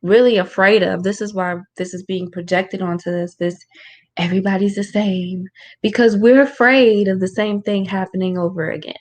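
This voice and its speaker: A woman spiritual teacher hosting a casual Q&A from a room at home. She keeps her voice lowered and talks in an informal, rhetorical way, often checking in with "right?". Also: steady tone, normal speed. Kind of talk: casual livestream talk with Q&A.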